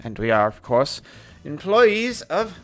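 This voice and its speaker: A man's voice: fairly high pitch, very animated, takes it slowly, soft background music. A man voicing a prim male office clerk who speaks in an officious, bureaucratic way.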